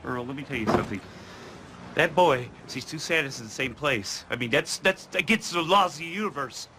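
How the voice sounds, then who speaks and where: A man's voice: medium pitch, expressive, a little fast, very noisy, lightly acted. An actor playing a playful middle-aged man who runs a Santa workshop, in a film. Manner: playful, teasing. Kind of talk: film acting. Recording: film soundtrack with loud music.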